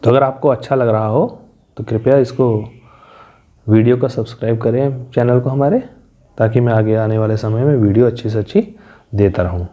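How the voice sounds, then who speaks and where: Man, teacher, mellow warm voice, step-by-step classroom explanation, asks and answers own questions. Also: mid-range voice, moderate pace. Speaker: English teacher. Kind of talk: classroom lesson explaining syllable patterns.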